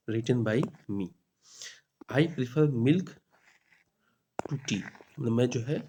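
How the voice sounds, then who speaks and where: A man with a middling pitch runs through exam questions for a teacher-training course. He reads the sentences deliberately, then explains them in Hindi in a steady teaching manner, over a faint hiss of background noise. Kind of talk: exam-prep grammar lesson.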